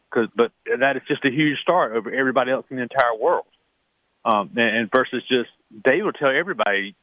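A man's voice: medium pitch, no echo. Earnest man on a tinny phone line. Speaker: guest. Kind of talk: casual radio chat.

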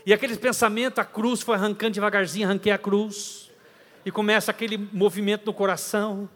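A man preaching a story-driven sermon in a dramatic, animated manner, rising at times to shouts. His voice is high for a man. A long hall reverb trails every phrase. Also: fast talker.

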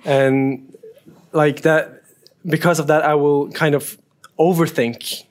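A man's voice: fairly high pitch, flat delivery, slow pace. A man in his early twenties speaking on a panel in a hesitant way, often restarting his sentences. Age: 20s. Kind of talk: panel discussion.

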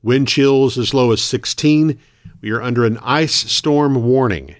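A man hosting a local radio morning show, reading news announcements in a measured, orderly way from a studio. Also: medium pitch. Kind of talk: radio news announcing of weather, closings and notices.

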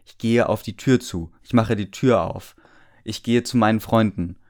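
A man's voice: lowish voice, normal speed, darkish tone. A man reading a story aloud for comedy, amused, often laughing and breaking off to mock the text. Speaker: reader and commentator.

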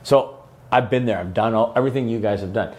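A man's voice: on the low side, quick pace, a little mellow. A middle-aged man hosting a podcast, chatting casually and upbeat, asking lots of questions. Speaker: podcast host. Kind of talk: casual interview chat.

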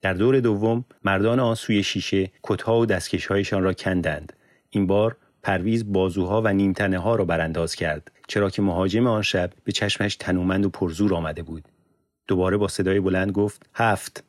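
Male audiobook narrator, very deep, steady measured delivery, dry studio read. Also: no echo. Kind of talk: scripted narration.

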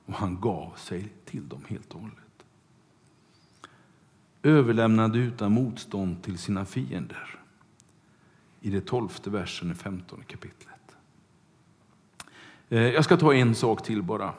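A man preaching a sermon, retelling a Bible story with loud bursts and hushed asides. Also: lowish voice, long pauses. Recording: long hall reverb.

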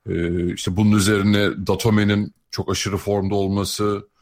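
A man's voice: lowish voice, flat delivery, normal speed, a little mellow. A man giving casual, conversational sports analysis as a podcast co-host. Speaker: podcast co-host and basketball commentator.

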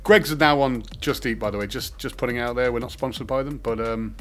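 A man hosts a podcast in a loose, rambling way, full of "uh" and jokes. His pitch sits at an ordinary middle level. Faint music plays underneath. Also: fast. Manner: rambling, jokey, full of fillers. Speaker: podcast host. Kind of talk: casual chat. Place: remote call. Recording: music playing behind.

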